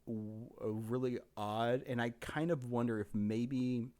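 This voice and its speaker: A man's voice: mid-range voice, steady tone, measured pace, a little mellow. A man co-hosting a podcast, explaining a film's plot at length in a casual chat, with frequent fillers. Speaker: podcast co-host. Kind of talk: casual movie discussion.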